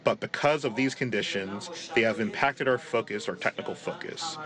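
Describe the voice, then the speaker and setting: A man, a football coach, giving an earnest, deliberate interview answer. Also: lowish voice, a crowd in the background.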